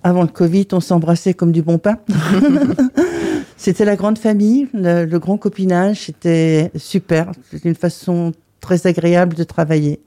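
A woman's voice: fairly low pitch, measured pace, mellow. A woman in her seventies from the Breton coast, a crêperie owner answering interview questions in short, plain replies. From Brittany coast, France. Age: 70s. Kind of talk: radio interview.

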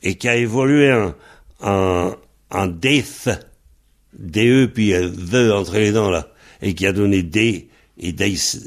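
A man's voice: lowish voice, slow pace. A man teaching Breton pronunciation, patiently spelling words out letter by letter. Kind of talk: slow spelled-out language lesson.

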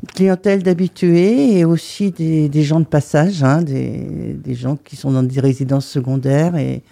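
Soft-spoken woman in her seventies. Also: low-pitched, fairly even intonation, unhurried, vocal fry. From Brittany coast, France. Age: 70s. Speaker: crêperie owner, guest. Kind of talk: radio interview.

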